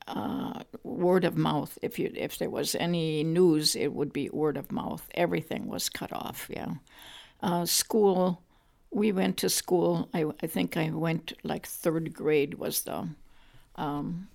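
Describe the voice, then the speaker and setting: An older grandmother, whose voice sits deep and crackles with heavy vocal fry. She talks slowly and reflectively, pausing often and searching for words as she recalls the past in an oral-history interview. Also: a little mellow. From Poland. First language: Polish. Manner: halting, reflective, many pauses and fillers.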